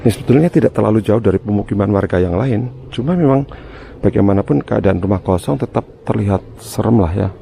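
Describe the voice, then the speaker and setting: A man's voice: lowish voice, lively intonation, fast talker, creaky, mellow. A man narrating a casual exploration vlog to his viewers, talking in a hesitant, uneasy manner. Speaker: vlogger, channel host. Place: outdoors around an overgrown empty house. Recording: noisy outdoor handheld recording, ambient hum.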